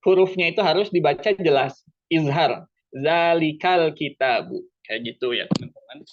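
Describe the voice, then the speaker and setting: Fairly high-voiced man teaching Quran reading. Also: animated, muffled recording, a little hiss or hum. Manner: explains patiently, repeats phrases, chants Arabic examples slowly. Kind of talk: online tajweed lesson.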